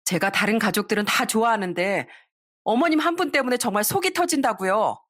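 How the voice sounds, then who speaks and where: A woman's voice: on the high side, expressive, fairly quick, fairly bright tone, no room sound, studio quality. A woman narrating a first-person family story in a confiding storytelling manner.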